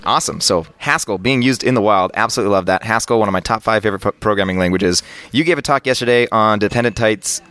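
Brief: male podcast host, low-pitched, upbeat live conference interviewer who stumbles over repeated words. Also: fast, pushed and bright, no echo. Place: busy conference venue.

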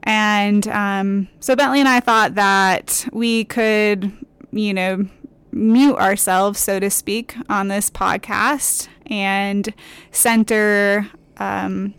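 Female podcast co-host. Slow, reflective, clean resonant tone over soft music. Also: medium pitch, fairly even intonation, clean tone, no room sound. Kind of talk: reflective podcast talk and poem reading.

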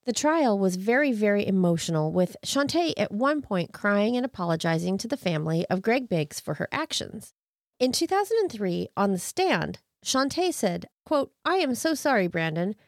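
Female true crime co-host, highly varied melody, sardonic edge, recorded very dry. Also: very animated, moderate pace, dry recording. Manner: incredulous, sardonic asides. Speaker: podcast co-host. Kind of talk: true crime narration with casual, wry commentary.

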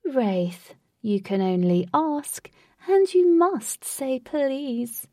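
A woman reading a storybook, voicing a smug, theatrical male host who speaks slowly and grandly. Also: sits high, sing-song, a little mellow, no room sound, studio quality, far from the mic, pitched above the performer's own voice, heavily acted. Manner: slow, drawn-out, lofty phrasing.

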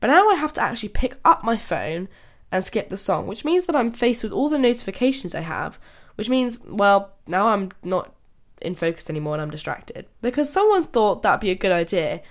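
This young woman's brisk, medium-pitched voice is very animated as she talks casually on her solo podcast. She sounds nasal because she's ill, laughs frequently, and often begins sentences again.

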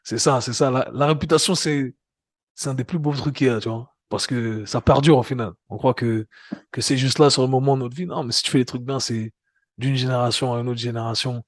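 A man hosting a podcast in relaxed, friendly chat, often repeating words and calling his guest "my guy". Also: medium pitch, brisk, dry recording, studio quality. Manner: friendly, repeats words, says "mon gars". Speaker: podcast host. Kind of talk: casual interview chat.

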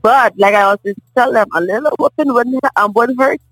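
A middle-aged woman from the Bahamas with a Bahamian accent, a guest in a casual table conversation, telling stories in a lively way and often asking "you understand?". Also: fairly high pitch, fairly quick, no room sound, soft background music, rough recording. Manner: animated storyteller, often asks "you understand?".

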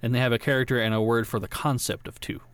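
A man's voice: mid-range voice, level tone, fast, fairly bright tone, smooth, no room sound. Casual man in a dry, close room. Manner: rambling, restarts often, laughs at his own stories. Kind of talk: casual chat.

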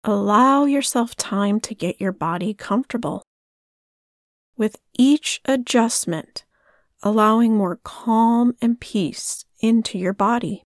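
A woman leading a guided breathing meditation in a soft, soothing way. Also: fairly high pitch, slow pace, no echo, studio quality.

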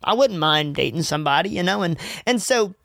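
A man's voice: sits high, lively intonation, a little fast, creaky, a bit bright, no room sound, studio quality. Earnest young man hosting a faith podcast. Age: 20s. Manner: earnest, rambling, many fillers and restarts. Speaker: podcast host.

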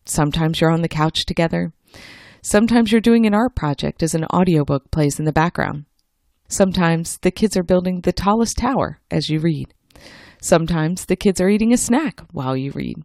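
Lower-pitched woman hosting a how-to podcast. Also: darkish tone, dry recording, studio quality. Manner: clear, structured, instructional delivery. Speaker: podcast host. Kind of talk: scripted how-to podcast narration.

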